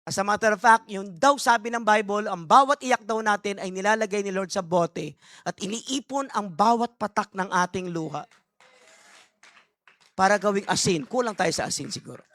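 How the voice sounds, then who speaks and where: A man's voice: high voice, moderate pace, bright, forceful tone, no echo. A man preaching a sermon as a bishop, switching between Tagalog and English, stressing his points, asking the congregation questions and calling for amens, with joking asides. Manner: emphatic, asks the crowd rhetorical questions and calls for amens.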